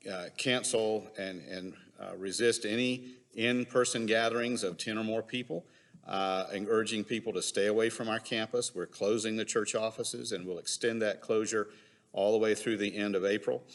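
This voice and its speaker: A man speaking as a pastor, giving a measured, halting update to his congregation with deliberate phrasing, his voice carrying a hallway echo in a large empty sanctuary. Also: fairly low pitch.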